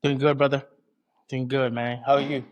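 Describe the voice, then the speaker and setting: An athlete from American Samoa and Southern California talks casually in an interview, colloquial and often checking in with "you know what I mean." His mid-range voice has little pitch movement and a moderate pace.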